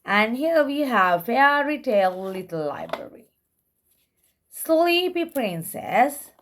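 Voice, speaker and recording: A female presenter shows and reads children's books to toddlers in a slow read-aloud. Her higher voice swings in lively, melodic arcs, and she delivers the words simply and deliberately, one at a time, with no hurry.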